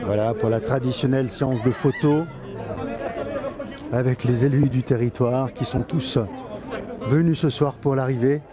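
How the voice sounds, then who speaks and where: This live outdoor recording catches a club president and event reporter in a crowded town street, surrounded by crowd and street sounds. Speaking with medium pitch and fairly even intonation, he stops often and repeats himself as he comments on the scene.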